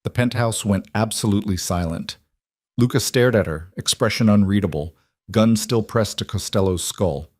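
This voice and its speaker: A man giving scripted, measured narration of a dramatic story. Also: on the low side, no echo.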